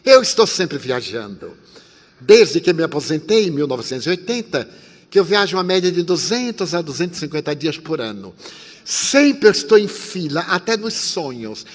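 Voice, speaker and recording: A man in his eighties giving a spiritist sermon, telling a story with lively swings between loud and soft and acting out the dialogue. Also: on the high side, moderate pace. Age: 80s. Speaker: spiritist speaker. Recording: long hall reverb.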